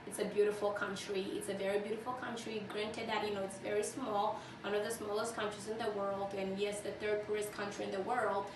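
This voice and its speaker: A woman's voice: mid-range voice, a little fast, hardly any pauses, background noise. Earnest young woman, distant echoey mic. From Tanzania. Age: 20s. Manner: earnest, steady, many fillers. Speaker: interviewee. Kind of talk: casual interview answers.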